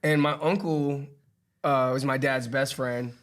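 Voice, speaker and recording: A man's voice: medium pitch, fairly even intonation, a little slow, fairly bright tone. A man coach hosting a casual podcast chat, rambling with lots of fillers and swearing. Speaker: wrestling coach, host.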